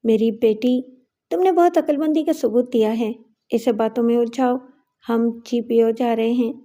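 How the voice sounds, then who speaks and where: A woman's voice: a little high, steady tone, mellow, close to an everyday voice. A woman voicing a middle-aged father who speaks in an urgent, commanding way.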